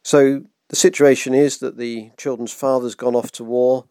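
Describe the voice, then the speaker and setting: Man, book club host, reading aloud gently, gravelly voice, dry close sound. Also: medium pitch, level tone, moderate pace, no room sound. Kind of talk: reading a children's novel aloud.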